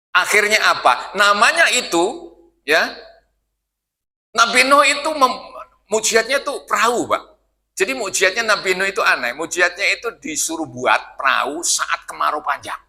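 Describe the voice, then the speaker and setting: A man's voice: high voice, creaky, pushed and bright. An older man preaching an evening sermon in a mosque, joking and conversational, questioning his listeners and chanting verses of scripture. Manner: jokey and conversational, often asking the audience "Pak?". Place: mosque hall. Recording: long reverb of a mosque hall.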